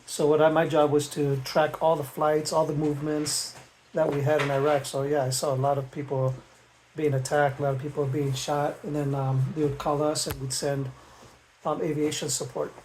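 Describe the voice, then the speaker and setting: A middle-aged father, speaking at a normal pace in a slightly high voice, answers questions in a casual family interview and tells old stories with small chuckles. His storytelling is relaxed. The recording is rough, with faint background noise and clicks.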